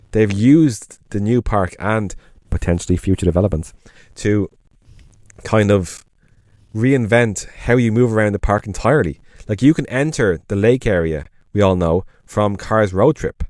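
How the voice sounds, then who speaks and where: An Irish man co-hosts a podcast in a lowish, darkish voice, chatting casually and enthusiastically while rambling and correcting himself. The studio sound is clean, with no echo.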